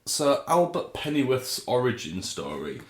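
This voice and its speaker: Guy cohosting a film podcast, jokey and laughing a lot, pitch jumping all over, echoey room. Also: wildly swooping pitch, normal speed. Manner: jokey, laughs often, spins comic tangents. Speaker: podcast co-host. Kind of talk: casual chat.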